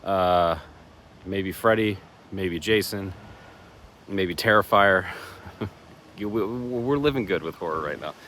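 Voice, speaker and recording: This horror contest vlogger speaks slowly and pauses often, his deep voice fairly bright with a slight rasp. Filming a casual vlog outdoors among trees, he chats, rambles with fillers and pokes fun at himself. Faint leaf-blower and traffic noise can be heard.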